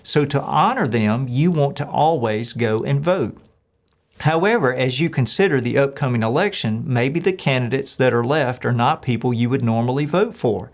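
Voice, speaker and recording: A man in the pulpit delivering a brief devotional message in an earnest, encouraging tone. His voice sits at an ordinary middle pitch for a man, and he talks straight to the listener like a pastor offering a daily word. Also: a little mellow. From United States. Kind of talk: devotional sermon.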